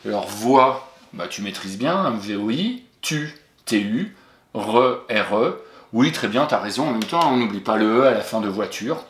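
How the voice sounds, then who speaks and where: A man's voice: fairly low pitch, lively intonation, normal speed, slight background noise. A man teaching a young child spelling, patient and encouraging, spelling words out letter by letter. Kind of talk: spelling lesson for a young pupil. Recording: roomy echo.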